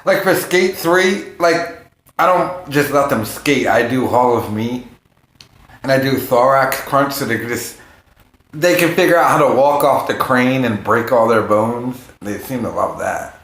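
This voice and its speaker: A man's voice: medium pitch, measured pace, a bit bright. A man chatting casually and profanely as a livestream host, rambling and jumping from topic to topic. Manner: rambling, jumps between topics. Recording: roomy, echoing room sound.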